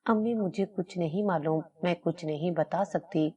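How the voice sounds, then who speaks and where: A woman's voice: lowish voice, dark tone, recorded from a distance, close to an everyday voice. A woman voicing a frightened young schoolgirl, timid and tearful.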